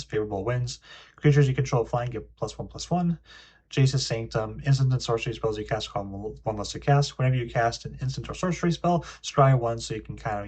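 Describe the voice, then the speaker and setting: A man's voice: mid-range voice, darkish tone, slightly rough. A young man hosting a casual card game review, reading card text aloud between frequent ums and uhs. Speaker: card game video host.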